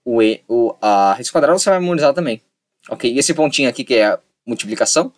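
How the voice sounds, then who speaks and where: A man's voice: mid-range voice, expressive, fast. A young man giving a casual, repetitive lesson and acting out little dialogues to make a point. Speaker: online tutor.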